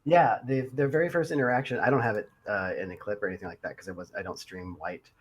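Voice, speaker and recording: Low husky man telling stories. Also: fairly even intonation. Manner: rambling storyteller, halting with fillers. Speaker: podcast co-host and role-player. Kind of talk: casual podcast chat.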